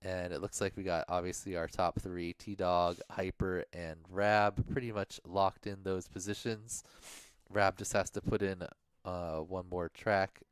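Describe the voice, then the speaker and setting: A man's voice: low voice, level tone, a little slow, smooth, dry recording, clean studio sound. A man co-hosting a livestream, casually going over race standings and thinking aloud, sometimes mumbling to himself. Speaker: livestream co-host.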